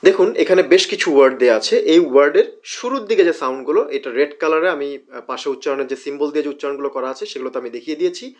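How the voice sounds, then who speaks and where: A man's voice: on the high side, racing. A man teaching an online pronunciation lesson, patiently repeating each drill word several times and checking in with viewers. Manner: addresses viewers directly, frequent check-ins.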